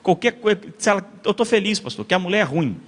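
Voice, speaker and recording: A man's voice: sits high, expressive, quick pace. Weary, resigned older man, as a pastor quotes him, echo of a church hall.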